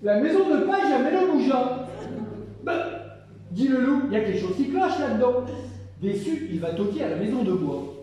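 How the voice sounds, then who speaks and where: A playful male storyteller with a very high voice tells a tale with lively energy. He is heard from far off in a big, booming hall. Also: moderate pace, lo-fi sound, slight background noise. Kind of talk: live oral storytelling.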